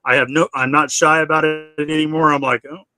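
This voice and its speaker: Bright-voiced middle-aged man rambling. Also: on the high side, little pitch movement, brisk, no echo, faint music behind. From United States. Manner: rambling, repeats and restarts words. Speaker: live stream host. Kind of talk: casual live Q&A chat.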